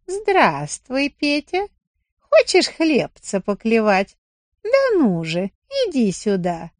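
A woman's voice: a little high, wildly swooping pitch, slow, no echo, voice pushed up, full character voice. A sulky, self-pitying carpenter, as a woman reading the story acts him out, whining and wheedling by turns. His voice sits somewhat above the reader's own and swings widely. It is recorded dry and close in a storybook reading. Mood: coaxing.

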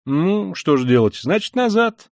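A man reading an audiobook, voicing an excitable young law student who talks loudly and insistently. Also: high-pitched, no echo, studio quality, voice pushed up, exaggerated voice. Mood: eager, urgent. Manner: loud, quick, insistent.

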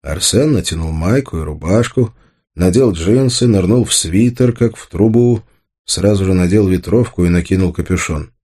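A man narrating an audiobook in a steady, measured way. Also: low voice, husky.

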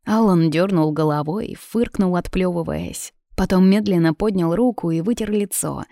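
Calm female storyteller, low and gravelly, close dry read. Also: moderate pace, no echo. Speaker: audiobook narrator. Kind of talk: scripted narration.

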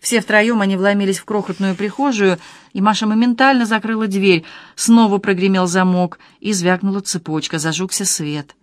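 An audiobook reader narrating a novel in a steady, even storytelling voice. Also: mid-range voice, moderate pace, no echo, studio quality.

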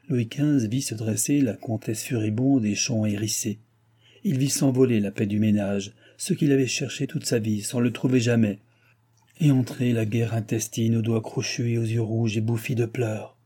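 A man narrating a classic novel in an audiobook, with steady, measured delivery. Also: mid-range voice, breathy edge. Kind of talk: audiobook reading.

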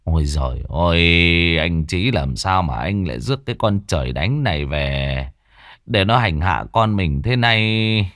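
A man's voice: deep voice, animated, measured pace, a bit bright, dry recording, clean studio sound, pitched below the performer's own voice, exaggerated voice. A man voicing an older village woman who laments and quotes proverbs. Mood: lamenting.

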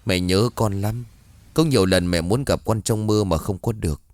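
A man's voice: lowish voice, moderate pace, a little mellow, no room sound, clean studio sound, lightly acted. A man voicing a grieving middle-aged mother who speaks in a pleading, shaken way. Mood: anxious.

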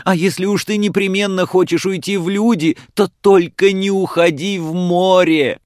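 A man's voice: medium pitch, very animated, extremely slow, vocal fry, a little mellow, no room sound, studio quality, heavily acted. A man reading aloud voices a poor middle-aged mother who pleads in a tearful, raised voice. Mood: pleading.

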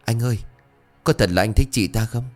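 A man voicing an anxious young woman who speaks in a hushed, worried way. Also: fairly low pitch, fairly quick, faint music behind, lightly acted.

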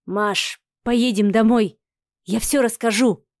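A woman's voice: a little high, steady tone, slow pace, no echo. Tense stubborn young man, curt and firm, as a woman narrator reads him; dry close audiobook sound. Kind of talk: audiobook character reading.

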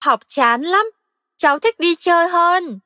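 Woman voicing a high, boastful young frog boy for a storybook. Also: expressive, unhurried, bright, forceful tone, dry recording, studio quality, heavily acted. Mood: carefree. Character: naughty young male frog who skips school.

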